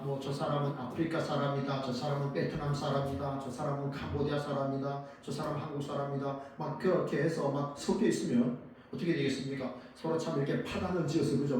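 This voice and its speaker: A man's voice: a little high, a little hiss or hum. A man, a pastor, preaching a sermon who asks the congregation questions and answers them himself, his voice swelling and dropping. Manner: dramatic rises and drops in loudness. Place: church sanctuary. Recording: very echoey church hall, mic at a distance.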